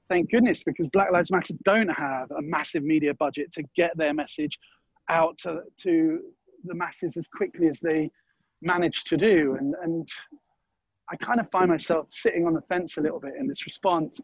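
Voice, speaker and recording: A man's voice: on the high side, vocal fry, slightly rough, dry recording, highs cut off. A man being interviewed, talking in a thoughtful way, often restarting and weighing both sides. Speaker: guest. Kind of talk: interview conversation.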